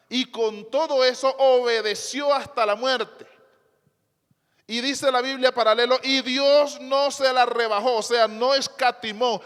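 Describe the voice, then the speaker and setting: A man's voice: extremely high pitch, a bit bright. A male pastor preaching to a congregation, emphatic, repeating phrases and asking rhetorical questions. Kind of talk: sermon. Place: church before a congregation. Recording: long hall reverb.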